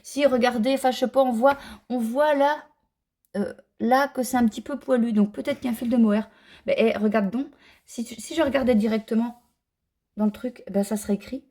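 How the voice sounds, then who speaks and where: A woman's voice: a little high, fairly even intonation, fairly quick, dark tone. A middle-aged woman chatting casually in a knitting vlog, rambling and self-mocking as she talks. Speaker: knitting vlogger. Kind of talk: casual chat.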